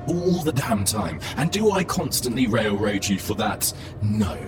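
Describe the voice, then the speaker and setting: Animated, humanlike male spaceship AI played by a man. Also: fairly low pitch, a little slow. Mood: hurt, exasperated. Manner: emotional, hesitant, protesting like a person. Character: aggrieved, shaken male spaceship AI, century-old and humanlike. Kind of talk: science fiction audio drama acting. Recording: loud music under the voice. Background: loud music.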